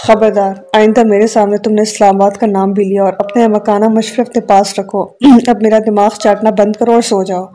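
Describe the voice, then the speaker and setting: A woman reading the lines of a stern, quick-tempered young husband in a novel, curt and scolding but tender underneath, with faint music behind. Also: mid-range voice, level tone, dark tone, close to an everyday voice. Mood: angry.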